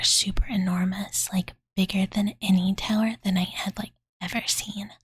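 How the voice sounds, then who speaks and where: A woman plays a cute, childlike dragon girl in an ASMR bedtime roleplay, devoted, sweet and slightly pouty as she tells bedtime stories. She whispers very breathily at medium pitch, slow and gentle, using valley-girl "like" filler and referring to herself in the third person. The close studio condenser mic captures a dry, intimate sound.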